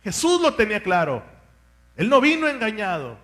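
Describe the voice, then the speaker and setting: A man's voice: high voice, huge pitch swings, moderate pace, a bit bright. A man, a pastor, preaching a sermon with fervent rhetorical questions and asking his congregation to repeat words after him.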